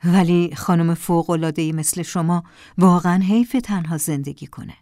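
A woman's voice: lowish voice, steady tone, warm tone, no echo, studio quality, close to an everyday voice. A woman voicing an attentive, charming divorced man on a trip, asking playful, curious questions. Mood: earnest.

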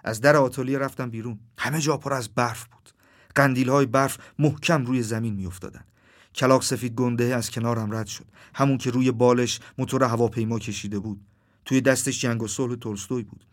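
A man narrates a dreamlike literary story in a measured, soft voice. His pitch sits in the ordinary middle range for a man. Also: fairly even intonation.

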